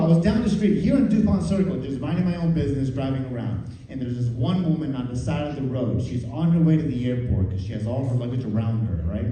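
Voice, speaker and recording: A man's voice: mid-range voice, mellow. A man doing conversational stand-up comedy, telling self-deprecating stories in a casual way to a live audience. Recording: echoey room, distant, faint noise.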